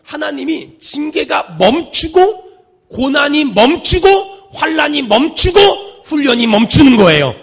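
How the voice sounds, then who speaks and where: Male pastor, middle-aged, bright and lively delivery, shouted refrains and hushed asides. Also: very high-pitched, measured pace, vocal fry. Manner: preaching with call-and-response, swinging from loud shouts to hushed asides. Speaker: senior pastor. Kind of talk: sermon.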